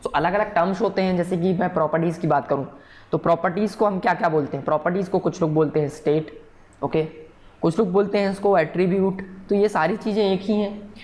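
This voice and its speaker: A man's voice: high voice, fairly even intonation, a little fast, darkish tone. Male coding instructor, patient and repetitive, keeps checking the class follows. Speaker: programming instructor. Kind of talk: recorded coding tutorial lecture.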